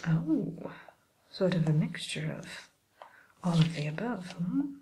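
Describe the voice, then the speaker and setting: A woman voicing a sly, sweetly courteous wicked witch tutor in a hushed, musing ASMR roleplay. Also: lowish voice, lively intonation, a little hiss or hum. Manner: hushed, unhurried, hesitant musing, faux-genteel.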